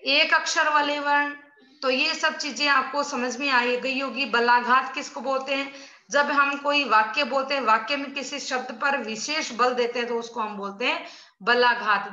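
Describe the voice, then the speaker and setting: Slow, bright-voiced woman teacher. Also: fairly high pitch. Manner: slow, explaining step by step with questions to pupils. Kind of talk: online class lesson. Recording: dull lo-fi sound in an echoey room.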